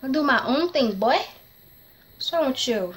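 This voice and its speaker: High-voiced young woman with a tongue-piercing slur. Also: expressive, normal speed, a little hiss or hum, poor audio. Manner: slurred, slightly lisping speech from a tongue piercing; rambling, distracted, self-correcting. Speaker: vlogger. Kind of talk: casual advice chat to camera.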